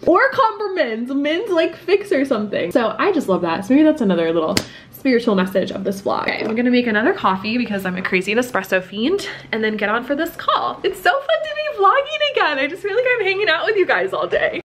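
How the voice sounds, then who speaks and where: A woman in her twenties chatting casually to camera in a bubbly, laughing vlog from her bright apartment. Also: sits high, huge pitch swings, quick pace, a little hiss or hum. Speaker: lifestyle vlogger. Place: bright apartment room at home. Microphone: camera mic at arm's length or on desk.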